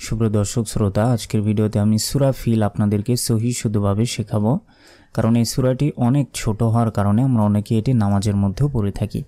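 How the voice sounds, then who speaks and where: A man with a Bangladeshi Bengali accent teaching correct Quran pronunciation, repeating words slowly and breaking into a rising melodic chant to recite. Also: on the low side, steady tone, mellow.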